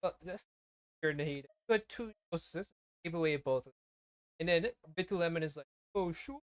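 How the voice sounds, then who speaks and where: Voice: mid-range voice, a little fast, smooth, no room sound, clean studio sound. Someone giving casual reaction commentary over gameplay in an incredulous, teasing way. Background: video game dialogue and music.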